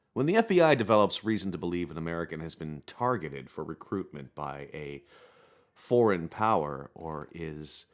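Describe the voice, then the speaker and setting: A man gives a dramatic reading of a formal statement like a hammy stage actor, with theatrical emphasis that swells and then drops away. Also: fairly low pitch. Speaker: reader performing a prepared written statement.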